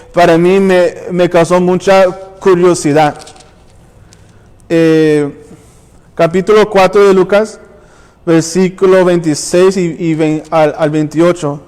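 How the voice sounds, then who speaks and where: A man's voice: high-pitched, steady tone, unhurried, a little mellow, clear, resonant tone, big-room sound. A man preaching and reading scripture aloud, often stumbling and restarting words. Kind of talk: sermon with Bible reading. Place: church.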